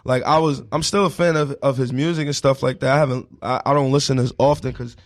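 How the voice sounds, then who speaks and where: An independent hip hop artist, guesting on a radio interview, chats casually in slang at a quick pace. His mid-range voice stays fairly even, and he keeps repeating catchphrases like "you know what I'm saying."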